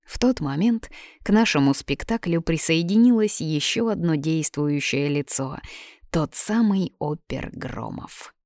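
Brief: female audiobook narrator, lively and dramatic, slightly low voice. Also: measured pace, dry recording, clean studio sound. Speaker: audiobook reader.

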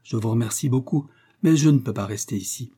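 A man's voice: mid-range voice, a little fast, warm tone, slightly rough, lightly acted. A man reading the part of a cheerful young male servant, eager and exclamatory.

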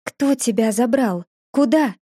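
A woman's voice: on the high side, unhurried, warm tone, breathy edge, dry recording, studio quality. A woman voicing a shaken, tearful young woman who pleads and asks urgent questions in an audiobook. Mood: confused.

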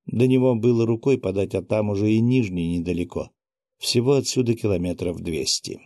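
A man narrating a first-person audiobook in a steady, even reading. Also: on the low side, vocal fry, no room sound, clean studio sound.

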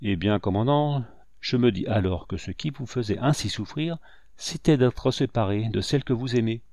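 A man's voice: mid-range voice, moderate pace, darkish tone, no room sound, natural voice. A man voicing a devoted, remorseful male captain, speaking humbly and pleadingly. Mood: pleading, contrite.

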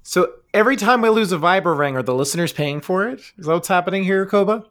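A fairly high-voiced man, bantering casually with fellow players at a tabletop game. He talks in an animated way and jumps in to object. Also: quick pace.

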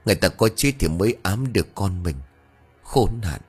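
A man voicing a gruff, quick-tempered old village husband who talks in curt, irritable grumbles. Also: deep voice, animated, soft background music, exaggerated voice. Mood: angry.

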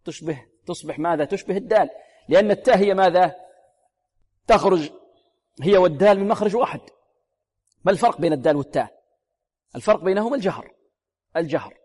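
A man with a fairly high voice teaches recitation rules in a room with a long reverb. He stretches out each example word slowly and repeats it carefully, then asks his own questions and answers them in a patient teaching tone. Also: lively intonation, darkish tone, husky. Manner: slow, drawn-out demonstrations of words, repeated many times. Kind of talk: tajweed lesson with recited examples.

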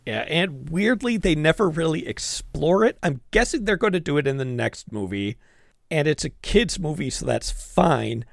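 A man co-hosting a casual movie-review podcast, animated and quick to react. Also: on the high side, gravelly, dry recording, clean studio sound. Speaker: podcast co-host.

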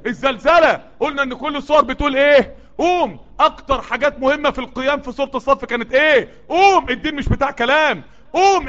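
Egyptian-accented male preacher, worked up and sweaty, bright sharp voice, exhorting at speed. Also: very high-pitched. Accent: Egyptian Arabic. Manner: urgent, exhorting, repeated calls that build up. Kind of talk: sermon to a live group. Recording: dull lo-fi recording.

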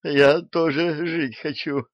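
A man playing a brash, fierce swindler who talks gruffly and demandingly. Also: on the high side, steady tone, slow, no echo, voice pushed up. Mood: mocking. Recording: dull, dry audiobook recording.

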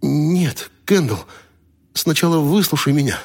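Anxious young man in love, pitched up, pleading and urgent, as a male narrator voices him. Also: lively intonation, unhurried, darkish tone.

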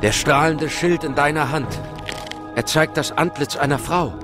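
A man's voice: fairly high pitch, normal speed, close to an everyday voice. An actor playing a grave, intense hero who narrates his supernatural ordeal in a horror audio drama. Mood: earnest appeal. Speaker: narrator and protagonist. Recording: loud music behind the voice.

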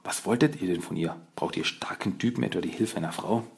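A man voicing a cheeky, sharp-tongued young female receptionist in an audiobook, talking in a raised, sarcastic way. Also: deep voice, a little fast, gravelly, slightly rough, heavily acted. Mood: teasing.

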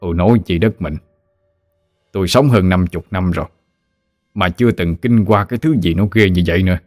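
A man's voice: sits low, a little fast, darkish tone, lightly acted. A man in his fifties playing a jumpy, easily scared farmer husband, with a Southern Vietnamese accent, talking in frantic exclamations. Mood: frightened. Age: 50s.

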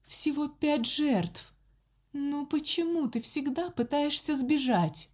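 A woman's voice: high voice, takes it slowly, darkish tone, voice pushed up. A woman voicing a cruel sorcerer disguised as a nun, speaking in a cold, mocking way. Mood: whispering menace.

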